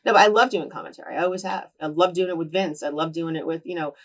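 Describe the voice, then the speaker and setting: A fast-talking woman from New Jersey tells stories as a guest in a sit-down interview, her low voice picked up far from the mic. She's a lively storyteller who acts out quoted dialogue in a casual way.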